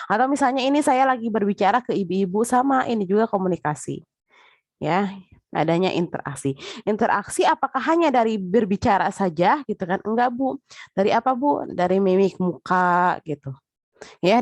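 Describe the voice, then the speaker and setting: Female lecturer, chatty and direct, mid-pitched, dry close sound. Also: darkish tone, no echo. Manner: chatty, repeats filler tags, addresses listeners directly. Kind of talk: casual spoken lecture.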